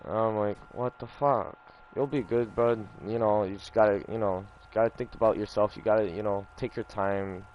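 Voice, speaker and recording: A man's voice: fairly low pitch, fairly even intonation, normal speed, highs cut off, a little hiss or hum. A young man telling a personal story in casual, rambling chat over gameplay, swearing often and filling with "you know" and "like". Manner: rambling, profane, repeats himself with lots of fillers. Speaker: gaming streamer.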